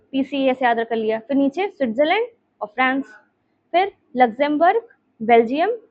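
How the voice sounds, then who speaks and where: Woman teacher, high voice, repeats names, checks in with students, slightly dull recording. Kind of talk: explaining a map lesson.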